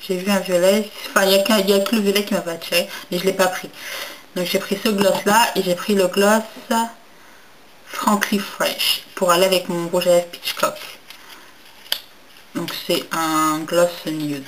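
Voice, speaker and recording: A woman's voice: fairly low pitch, little pitch movement, normal speed, background noise. A young woman chatting casually in a makeup haul video, hesitant with many fillers and restarts, and enthusiastic about packaging. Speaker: beauty vlogger.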